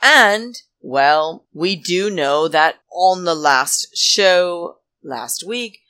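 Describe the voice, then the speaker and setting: A woman's voice: fairly low pitch, lively intonation, extremely slow, sharp tone, clean tone, no echo. A woman hosting a solo recap podcast with a campy, theatrical drag-queen manner and sassy, emphatic, indignant commentary. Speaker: podcast host.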